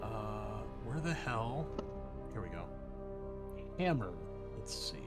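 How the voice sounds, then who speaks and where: A man serves as game master for a tabletop roleplaying game, explaining things patiently and a little hesitantly in casual conversation. His voice is lowish and sing-song, and he speaks slowly, with background music playing under him.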